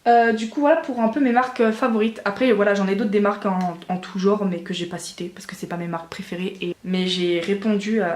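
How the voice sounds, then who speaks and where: A woman in her twenties answering viewer questions in a casual vlog, chatty and hesitant with many fillers. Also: medium pitch. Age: 20s. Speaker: doll collector vlogger. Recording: echoey room.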